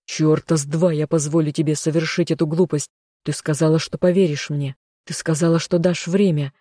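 An audiobook narrator voicing an anguished young half-demon son who shouts and pleads desperately. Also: mid-range voice, little pitch movement, normal speed, no echo, clean studio sound, close to an everyday voice. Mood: furious. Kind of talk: audiobook character reading.

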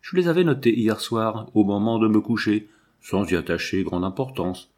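A man voicing a calm, curious young male scientist who speaks reassuringly. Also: on the low side, normal speed, lightly acted. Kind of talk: audiobook reading.

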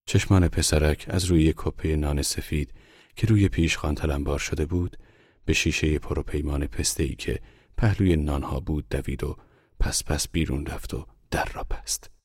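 A man reading a literary short story aloud in slow, measured audiobook narration. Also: very deep voice, fairly even intonation, darkish tone, slightly rough, no room sound, clean studio sound.

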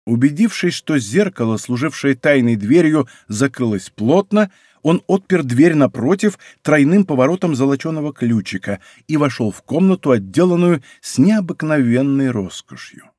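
A male audiobook narrator reading a historical novel in a measured, steady way. His voice sits at an ordinary mid pitch. The recording is close and completely dry. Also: dry recording. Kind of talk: scripted literary narration. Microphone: close studio microphone.

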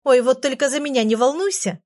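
A woman's voice: fairly high pitch, very animated, normal speed. A woman voicing a bossy little fairy. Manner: impatient, commanding, chirpy. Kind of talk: audiobook character voice.

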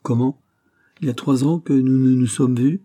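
A man's voice: mid-range voice, steady tone, moderate pace, dark tone, close to an everyday voice. A man reading the part of a confident young married woman who scolds and questions her cousin insistently. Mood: chiding.

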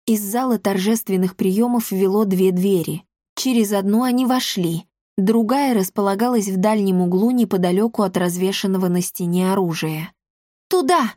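A woman narrating a fantasy audiobook in an even, clear storytelling manner. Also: mid-range voice, moderate pace, no room sound, clean studio sound. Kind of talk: scripted narration.

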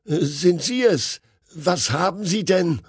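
A man's voice: mid-range voice, normal speed, slightly rough, no room sound, clean studio sound, voice pushed up, close to an everyday voice. A man voicing a nervous young man, horrified and exclaiming in fright. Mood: alarmed.

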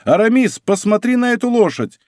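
A man's voice: on the high side, very animated, moderate pace, a little mellow, no echo, studio quality. A man voicing a bold, teasing young male nobleman in an audiobook reading. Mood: excited.

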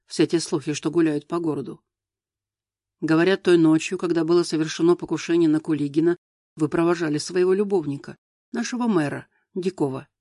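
A composed, defiant young wife, voiced by a male reader in an audiobook. She speaks quietly and coolly, keeping herself in check. The voice sits fairly high for a man and sounds dry and close. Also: fairly quick, no echo, natural voice. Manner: calm, quiet, cool.

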